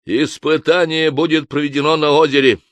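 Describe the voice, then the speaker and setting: A man playing a booming, pompous inquisitor. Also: little pitch movement, moderate pace, no echo, close to an everyday voice. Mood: solemn. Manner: booming, solemn proclamations. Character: stern older male inquisitor, pompous and loud.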